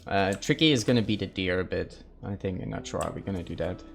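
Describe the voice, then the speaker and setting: A man's voice: sits low, expressive, fast talker, gravelly, soft background music. A man live-streaming a survival game, thinking aloud and chatting casually with his viewers.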